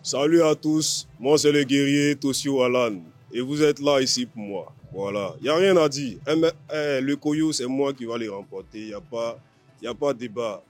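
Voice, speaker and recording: An MMA fighter from Ivory Coast, speaking with an Ivorian accent, talks confidently and boastfully in an informal interview. His voice is medium-pitched at a normal speed, with faint music in the background.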